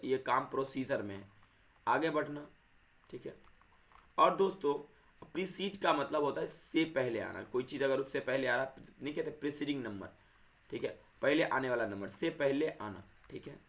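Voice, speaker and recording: A man with a mid-range, slightly bright voice explains grammar to viewers, addressing them as friends. He repeats himself a lot and corrects himself mid-sentence.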